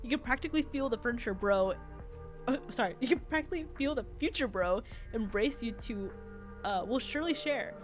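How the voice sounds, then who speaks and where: Female game streamer: high voice, informal, giggly, switches between chat and read-aloud narration, music behind. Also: animated, a little fast.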